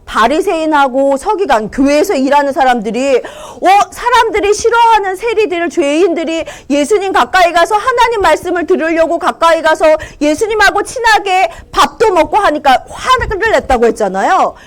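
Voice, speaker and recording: A young woman teaching preschoolers in a church classroom, telling the story in a high, lively voice. She exaggerates and questions the children as she goes, and her pitch swoops up and down. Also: moderate pace, few pauses.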